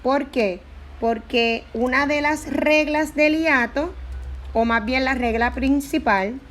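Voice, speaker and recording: A woman teaching a Spanish grammar lesson, explaining patiently and repeating her examples. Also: high-pitched.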